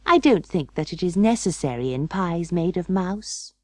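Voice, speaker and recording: A woman's voice: on the low side, expressive, moderate pace, dark tone, dry recording, studio quality, lightly acted. A woman voicing a prim, fussy female cat hostess in a storybook reading, proper and emphatic. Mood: prim, polite. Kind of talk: audiobook storybook character voice.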